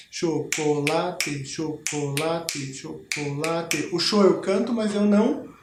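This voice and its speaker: A man's voice: sits high, roomy sound, background noise. A Brazilian Portuguese-speaking man teaching a school rhythm lesson, explaining patiently and demonstrating body percussion.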